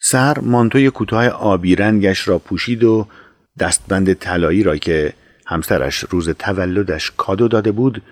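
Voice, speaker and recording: A man narrating an audio drama in a slow, measured storytelling voice. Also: low voice, no room sound.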